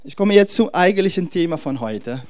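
An animated pastor with a high, darkish voice preaches to his congregation in a dry, clean studio recording. His delivery is marked by frequent searches for words and sentences that he breaks off and begins again, all spoken directly to the listeners.

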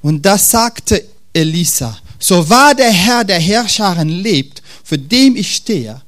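A man preaching a sermon and retelling a Bible story in an animated, humorous way. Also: sits high, takes it slowly.

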